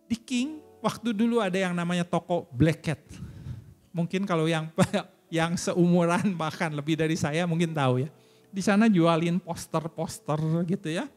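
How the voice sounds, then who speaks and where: A man's voice: normal speed, darkish tone, soft background music. A middle-aged man, preaching a sermon as a church elder and telling his own story with emotional, fervent swells. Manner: emotional storytelling, rising to fervent high peaks. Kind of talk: sermon with personal testimony.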